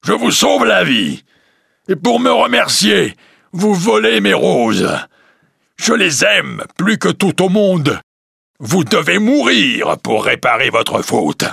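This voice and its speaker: Big angry storybook beast, loud slow threats, pitched way up and weird sounding. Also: male voice, sing-song, gravelly, breathy edge, no room sound, studio quality, exaggerated voice. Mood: wrathful, commanding. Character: horrible angry male beast, huge, commanding.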